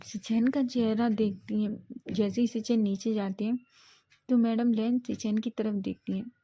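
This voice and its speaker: Mellow-voiced woman reading a story. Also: a little high, steady tone, normal speed. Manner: casual, with self-corrections. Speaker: story reader. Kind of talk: fan-fiction storytelling narration.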